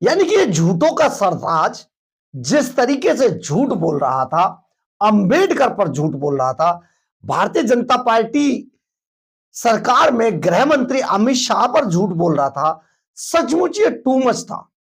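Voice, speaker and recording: A male news reporter giving emphatic, opinionated on-the-spot political commentary, with hesitations, in a husky voice. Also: high-pitched, big pitch swings, slow.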